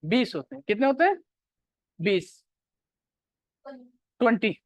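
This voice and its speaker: A man's voice: very high voice, big pitch swings, slow, no room sound, dull audio. A male teacher giving a classroom grammar lecture, repeating key points and quizzing his students.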